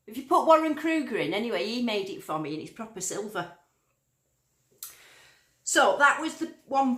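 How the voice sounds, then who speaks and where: On her metal detecting livestream, a Lancashire woman casually reads viewer comments and chats. Her pitch is medium and her tone a bit bright, the room audible around her, and her northern accent carries a hint of Yorkshire.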